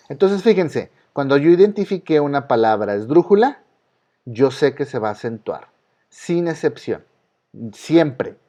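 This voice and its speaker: A man's voice: medium pitch, warm tone. A male teacher with a Mexican accent giving an online class, patiently repeating the rules and quizzing his students. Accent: Mexican Spanish. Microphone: video call.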